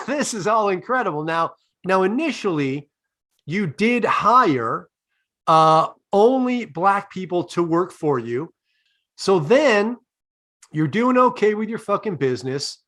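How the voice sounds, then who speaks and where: A man hosting a comedy podcast, building long, deadpan, profane setups for his guest's answers. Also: high-pitched. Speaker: podcast host. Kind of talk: comedic interview.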